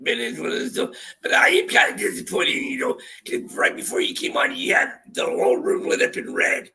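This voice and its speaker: Thin, squeaky, high-pitched man with a cold. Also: sing-song, brisk, gravelly, sharp tone, husky. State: congested with a cold. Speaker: caller to a sports call-in show. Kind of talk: casual fan chat.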